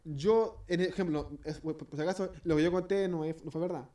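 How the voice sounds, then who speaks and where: A man's voice: a little high, brisk, mellow. A man with a Chilean accent teaching an informal Bible study, chatty and self-correcting, acting out everyday scenes as examples. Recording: voice distant from the mic.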